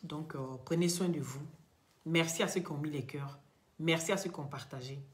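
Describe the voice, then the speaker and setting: A woman's voice: low voice, moderate pace, roomy sound. A woman hosting a live video, speaking straight to her followers in an emphatic, lecturing way. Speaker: social media live-stream host.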